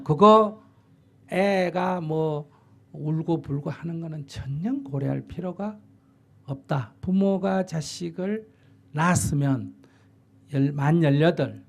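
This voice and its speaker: An older Buddhist monk answers a question in a dharma talk, his voice on the high side, creaky, husky and warm. He gives blunt, plain-spoken advice and acts out what parents and children say to each other.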